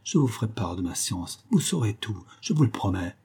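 Man voicing a desperate scholar, agitated, pleading, mellow husky tone. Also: fairly low pitch, big pitch swings, moderate pace, heavily acted. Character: frightened, scheming male scholar pleading. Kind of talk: audiobook reading.

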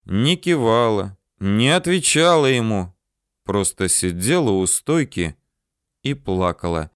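A man narrating an audiobook in an expressive, dramatic reading. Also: lowish voice, takes it slowly, clean tone, no echo, clean studio sound.

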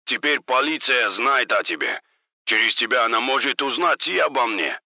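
Man playing angry drug boss, harsh, menacing, lively pitch, bright edge, crime audiobook. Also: normal speed, dry recording, muffled recording.

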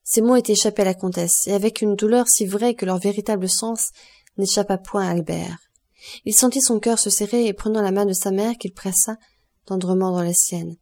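A woman narrating a classic novel as an audiobook in a calm, measured way. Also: mid-range voice. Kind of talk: scripted narration.

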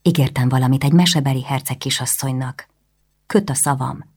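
A woman reading as a courtly young nobleman, deep and gravelly. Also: darkish tone, full character voice. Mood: courteous.

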